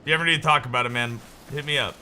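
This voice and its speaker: A young man streaming a game, chatting casually and joking in a rambling way with sudden excited yelps. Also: medium pitch, very fast, slight background noise. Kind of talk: casual chat while gaming.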